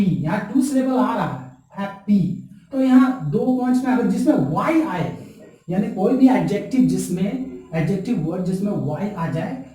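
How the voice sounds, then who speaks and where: A man teaching a grammar lesson, explaining slowly and spelling words out letter by letter. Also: high voice, dark tone. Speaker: English teacher. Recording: very echoey room, voice from far off the mic.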